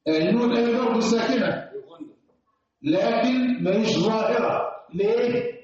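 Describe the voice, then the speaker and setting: A man's voice: high-pitched, moderate pace, darkish tone. Egyptian man lecturing in an echoey room. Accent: Egyptian Arabic. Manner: sing-song explaining, asks class questions. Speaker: teacher of Quran recitation. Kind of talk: classroom lecture. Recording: echoey room, distant dull mic.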